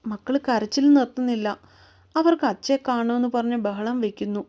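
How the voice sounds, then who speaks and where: A woman's voice: fairly high pitch, a little fast, warm tone, close to an everyday voice. A woman voicing a young woman soothing crying twins in a storybook reading. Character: young woman caring for twins, tearful and devoted.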